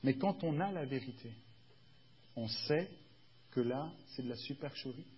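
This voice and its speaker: Un homme qui prêche un sermon sur un ton de conversation et qui demande souvent à l'assemblée si elle le suit. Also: male voice, medium pitch, animated, unhurried, breathy edge, muffled recording. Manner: conversational, often checks the congregation is following; acts out little dialogues with shifts of tone. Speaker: preacher. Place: church.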